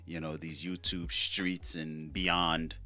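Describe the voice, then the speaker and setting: A young man from Trinidad hosts a solo podcast, rambling in a laid-back way with lots of fillers and casual swearing. His voice is a rumbling low one with a sharp tone, and he talks slowly with little pitch movement.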